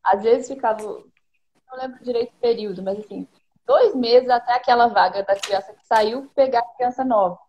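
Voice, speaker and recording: A woman with a Brazilian accent, a policy consultant calmly explaining her points one by one in a live-streamed conversation. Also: fairly high pitch, normal speed. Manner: methodical, lays out points one by one. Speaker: education policy consultant, guest. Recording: dull lo-fi stream audio.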